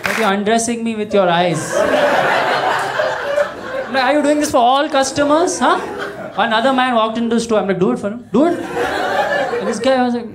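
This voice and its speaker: A man's voice: very high voice, normal speed, long pauses, over a noisy crowd, heavy background noise. A young man performing a stand-up comedy set on a small club stage, talking into a handheld mic and acting out the people he quotes in a conversational way. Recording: live club recording with loud audience laughter. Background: audience laughter.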